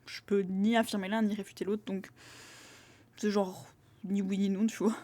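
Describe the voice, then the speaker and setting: A woman's voice: mid-range voice, flat delivery, moderate pace, warm tone. A young woman musing aloud in a casual, rambling monologue, full of fillers and acted-out quotes of other people. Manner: rambling, filler-heavy, acts out quoted voices.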